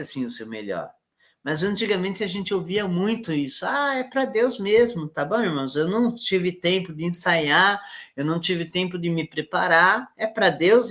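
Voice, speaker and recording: A man preaching an informal sermon as a pastor, repeating phrases, clearing his throat and often tagging questions. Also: a little high, a bit bright. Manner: repetitive, conversational, frequent tag questions.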